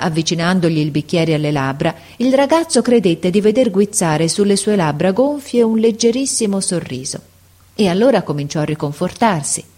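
A woman narrating a classic story as an audiobook, in a measured, sorrowful manner. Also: on the low side, a little mellow.

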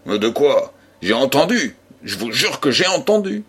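A man reading the part of a bewildered old male country postman, in a husky, plodding rustic way of talking. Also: mid-range voice, big pitch swings, unhurried, fairly bright tone, heavily acted. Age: older. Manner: plodding, puzzled countryman's speech.

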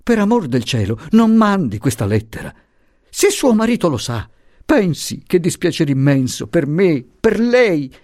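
A man's voice: on the high side, very animated, measured pace, darkish tone, no room sound, studio quality, pitched above the performer's own voice. A man voicing a timid, kindly male professor who pleads anxiously and repeats himself. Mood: pleading.

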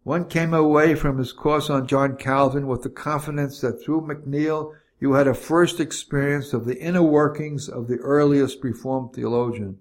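An older man reading his own memoir aloud in a measured, reflective way. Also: medium pitch, fairly even intonation. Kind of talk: scripted memoir narration.

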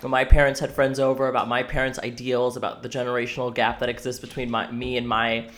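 A young man co-hosting a podcast, chatting casually and ranting with animated, exasperated energy and frequent swearing. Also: mid-range voice, fast, very noisy. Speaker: podcast co-host. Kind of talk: casual chat.

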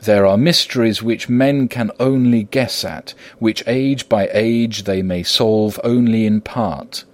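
Male reader doing an older professor: low, slow, solemn, compassionate. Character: old, grave, compassionate professor.

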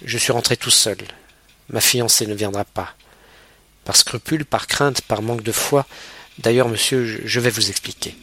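A distraught young man near tears, his voice strained and shaken, pitched a touch higher and pressing forward, as a narrator puts him on. The tone stays bright but husky. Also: steady tone, normal speed.

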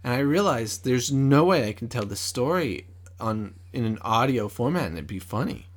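A man's voice: medium pitch, lively intonation, normal speed. Hesitant man telling a story, casual. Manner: hesitant storyteller, full of ums and restarts. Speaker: podcast co-host. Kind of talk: casual chat. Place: at a table at home.

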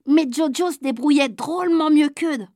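A woman reading a children's story aloud in a lively, childlike first-person telling. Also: high voice, moderate pace, no room sound, clean studio sound. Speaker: audiobook reader. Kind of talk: storybook narration.

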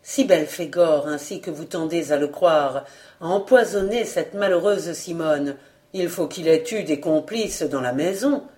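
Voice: mid-range voice, a little slow, darkish tone, lightly acted. Brief: anxious young reporter, earnest and subdued, voiced by the book's reader. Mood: questioning. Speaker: newspaper reporter in a novel. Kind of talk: audiobook character reading.

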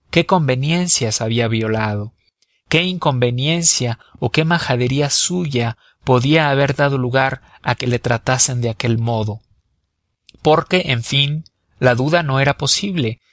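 A man reading a novel aloud as an audiobook narrator, measured and expressive. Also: medium pitch, no room sound, clean studio sound. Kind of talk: scripted narration.

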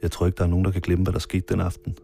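Man, first-person documentary voice-over, calm, measured, very deep, monotone. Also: creaky, a little hiss or hum. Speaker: filmmaker narrator. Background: marimba music.

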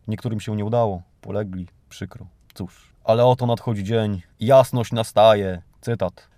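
Reading news stories aloud only to ridicule them, this Polish podcast host performs a scripted satirical monologue in a theatrical, ironic, mock-grandiose style. His fairly low voice has a warm tone, captured in a dry recording.

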